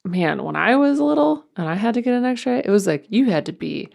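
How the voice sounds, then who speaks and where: A woman's voice: medium pitch, animated, brisk, gravelly, a little mellow. A woman co-hosting a podcast, chatting casually as a mother in a rambling way with lots of fillers. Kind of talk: casual chat.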